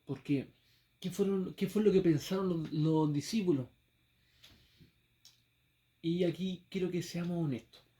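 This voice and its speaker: A man's voice: fairly high pitch, a little slow, pauses often, dark tone. A man with a Chilean accent preaching a sermon, telling a story with acted exclamations and rhetorical questions.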